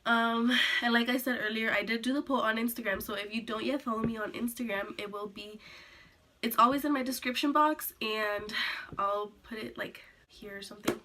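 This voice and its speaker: A teenage girl recording a sit-down story time for her channel, her voice high and bright. She rambles and restarts, packs in "like" and "um", and still sounds a little rough from being sick. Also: steady tone, moderate pace. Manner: rambling, filler-heavy, many "like"s and restarts. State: recovering from illness, coughing. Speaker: vlogger.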